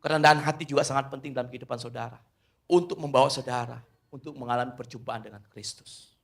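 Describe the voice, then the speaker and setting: A middle-aged man preaching a sermon as pastor, swinging between loud emphatic lines and quiet asides, often calling the listeners "saudara". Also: mid-range voice, fairly even intonation, quick pace, creaky.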